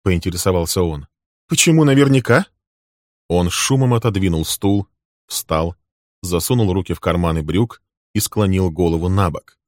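Low-voiced male audiobook narrator. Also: moderate pace, dry recording, studio quality. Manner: plain, steady reading.

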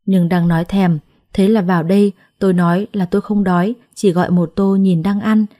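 A woman storyteller narrates a first-person tale at an even, mid-range pitch. She delivers it calmly and reflectively, with a melancholy undertone, in a mellow, warm, relaxed voice. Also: a little fast.

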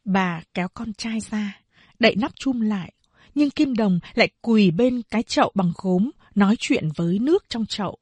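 A woman narrating an audiobook of a novel in a slow, steady storytelling voice. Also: mid-range voice, husky, dry recording.

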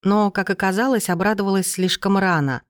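A reader narrating a first-person fantasy audiobook in an even delivery. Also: mid-range voice, brisk, dry recording, studio quality.

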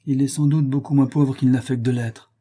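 A man's voice: mid-range voice, fairly even intonation, moderate pace, mellow, husky, voice pushed up, close to an everyday voice. Man reading as a scheming young viscount.

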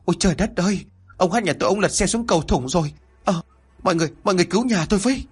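A man voicing a frantic middle-aged village woman who pleads in shrill, desperate cries as her husband's truck goes into the river. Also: racing, breathy edge. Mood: panicked wailing.

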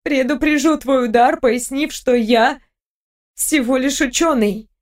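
A woman's voice: sits high, unhurried, voice pushed up. Woman voicing a weary young woman scientist. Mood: strained. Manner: quiet, pleading.

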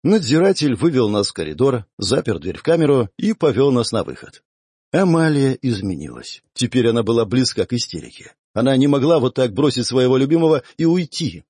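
A man tells a first-person story for an audiobook, reading expressively. His voice is slightly husky and moves a lot in pitch. The recording is dry and close, with no room sound. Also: sing-song, a little fast, a little mellow, no echo. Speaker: audiobook narrator.

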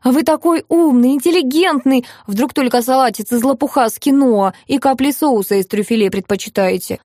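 A woman's voice: high-pitched, a little fast, a little mellow, no echo, clean studio sound, voice pushed up. A woman voicing a fussy, gushing middle-aged hostess who talks in sugary pet words. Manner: sugary, breathless, full of pet-form words.

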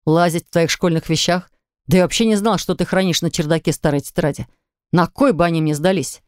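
A woman voicing a quick-tempered young husband, curt and exasperated, in a lower voice in an audiobook. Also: fairly even intonation, a little mellow, dry recording, studio quality, lightly acted. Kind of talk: audiobook character reading.

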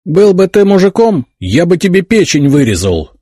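A man's voice: sits high, sing-song, moderate pace, warm tone, husky, no room sound, studio quality, voice pushed up, heavily acted. A man doing a defiant fierce boy warrior. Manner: defiant, insistent. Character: fierce stubborn boy warrior, cold and cocky.

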